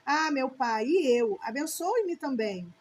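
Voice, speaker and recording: A bitter grown son pleads with his father, voiced plainly by a woman reading aloud. Her voice is high and clear, with faint noise underneath. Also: lively intonation, takes it slowly. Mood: pleading.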